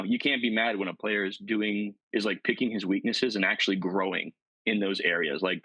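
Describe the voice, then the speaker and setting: A man's voice: on the low side, sharp tone, slightly rough, no echo, poor audio. A man co-hosting a sports podcast, talking at length and arguing his opinions. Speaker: podcast co-host. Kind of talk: casual sports chat.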